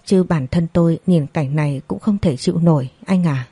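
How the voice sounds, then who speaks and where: A woman's voice: low-pitched, normal speed, mellow, husky, no room sound. A woman voicing a grieving older father. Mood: consoling. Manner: consoling, choked. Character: grieving older father comforting his friend.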